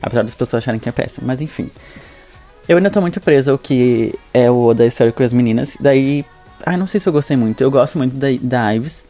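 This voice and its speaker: A man's voice: mid-range voice, fast, dark tone, soft background music. A man with a Brazilian Portuguese accent co-hosting a podcast, chatting in a gossipy, blunt and campy way. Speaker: podcast co-host. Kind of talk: casual podcast chat.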